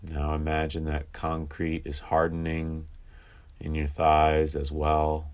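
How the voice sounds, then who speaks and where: Calm and instructive, a man with a strikingly deep, low voice leads a guided meditation to help with sleeplessness, pausing silently for long stretches between phrases.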